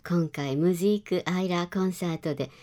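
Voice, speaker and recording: A woman's voice: on the low side, a little fast, mellow. A woman cram school teacher speaking politely and formally as a guest on a radio talk program.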